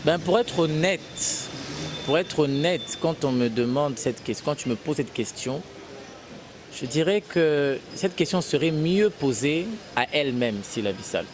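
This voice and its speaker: This man's voice sits on the high side, with lively intonation and a slightly slow pace, and there's background noise. He's an interviewed actor from Kasai in the DRC, answering casually in a Congolese French accent, mixing in Lingala, rambling and restarting.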